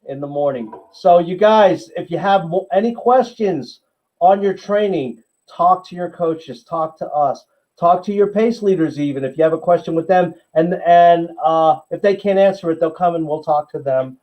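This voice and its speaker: A man hosts a casual live show for a running club, speaking in a slightly raised voice. He rambles warmly encouraging, full of fillers and restarts. The sound is dull and lo-fi, like a livestream. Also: on the high side. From USA.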